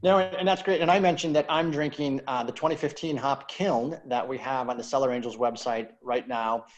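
A man's voice: medium pitch, steady tone, a little fast, rough recording. Rambling man hosting a wine tasting. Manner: rambling, repeats words as he searches. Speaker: host of a virtual wine tasting. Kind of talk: interview chat. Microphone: video call.

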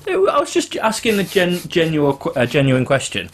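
Young guy on a podcast, excitable, keeps laughing and acting out what he said. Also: a little high, a little fast, a little hiss or hum. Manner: animated, laughs easily, acts out his own reactions. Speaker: podcast co-host. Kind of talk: casual chat.

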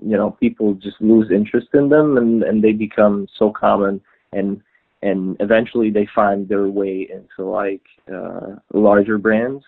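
A man speaks in a relaxed podcast chat, his sentences stopping and starting as he searches for words. His voice sits on the low side. The sound is thin and narrow, like a phone call. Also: gravelly. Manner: halting, many restarts and fillers. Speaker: customer service at a trouser maker. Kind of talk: casual podcast conversation. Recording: tinny phone-like line.

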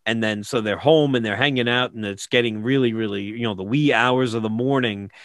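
A man casually retelling a film plot with lots of fillers and animated asides. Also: mid-range voice, brisk, no room sound, studio quality.

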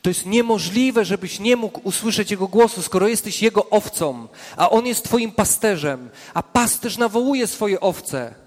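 A man with a notably high voice delivers an earnest sermon mixed with prayer. He slows down and drops low to stress his points. The sound carries a long reverb, as in a large hall. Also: expressive. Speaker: preacher.

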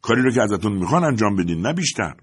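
A man's voice: on the low side, very animated, husky. A man voicing a contemptuous factory foreman who grumbles, mocks and scolds. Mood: scornful.

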